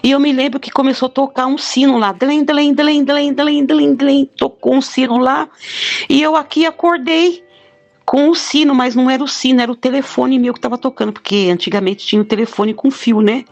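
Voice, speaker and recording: Heartfelt middle-aged woman, slightly high. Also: steady tone, brisk, muffled recording, faint music behind. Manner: heartfelt, plain-spoken storytelling. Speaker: guest telling a near-death experience. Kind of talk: personal testimony.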